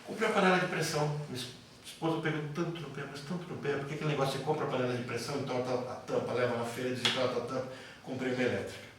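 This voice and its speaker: A man's voice: mid-range voice, fairly even intonation, very fast, noisy background. Brazilian man with a light São Paulo interior accent teaching a class, anecdotal and repetitive, recorded from afar in a roomy hall. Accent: light São Paulo interior Brazilian Portuguese. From interior of São Paulo state, Brazil. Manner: conversational, repeats himself, tells anecdotes. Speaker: psychoanalysis teacher. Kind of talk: lecture to a class. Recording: echoey classroom from far off.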